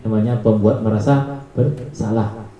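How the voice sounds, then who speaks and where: Dark-voiced man presenting in an echoey room. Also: fairly low pitch, steady tone, a little slow, a little hiss or hum. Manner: reads points as numbered lists. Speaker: teacher. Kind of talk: presenting a training module.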